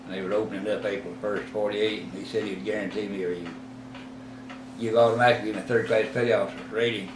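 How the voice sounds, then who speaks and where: Slowly looking back on his past, an oral history interviewee, an eighty-something Texan, rambles and pauses, full of fillers and self-corrections. He has a lowish voice and a steady tone. The mic is distant and roomy, and background noise comes through clearly.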